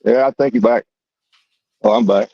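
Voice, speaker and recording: A man's voice: medium pitch, moderate pace, vocal fry, warm tone, dry recording. A laid-back man chatting casually while fishing from a riverbank, his voice coming through a choppy livestream that keeps dropping out. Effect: choppy, dropping livestream audio. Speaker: angler streaming live. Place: riverbank outdoors. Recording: dull lo-fi dry stream audio.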